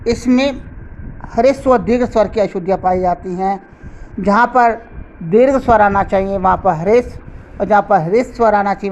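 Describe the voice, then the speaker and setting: A woman teaching a grammar lesson, who speaks slowly and deliberately and repeats each example word. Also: mid-range voice, darkish tone, lo-fi sound, slight background noise. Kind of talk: slow explanatory lesson.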